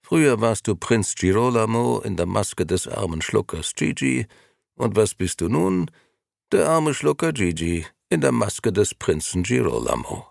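A man reading an audiobook, voicing a menacing unseen male voice that speaks as "we", slow, taunting and condescending. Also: fairly low pitch, sing-song, creaky, darkish tone, no room sound, clean studio sound, heavily acted. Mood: mocking.

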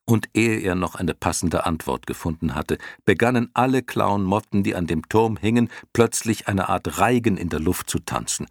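Deep husky man reading a story. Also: normal speed, hardly any pauses, dry recording. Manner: expressive, varied storytelling. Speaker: narrator. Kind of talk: audiobook reading.

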